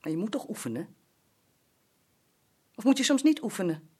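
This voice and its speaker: An actress playing an insistent wife in a film drama, nagging and demanding. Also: female voice, mid-range voice, big pitch swings, normal speed, mellow, husky.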